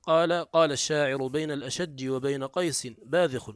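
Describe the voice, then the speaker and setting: A man teaches from a classical grammar text. His voice sits fairly high for a man and is recorded close and dry, with almost no room sound. He reads a phrase, then unpacks it, often restarting his words. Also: steady tone, brisk, smooth, no room sound. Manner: reads a line of the text, then explains it, with frequent self-corrections. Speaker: teacher of Arabic morphology. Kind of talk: classical Arabic text lesson.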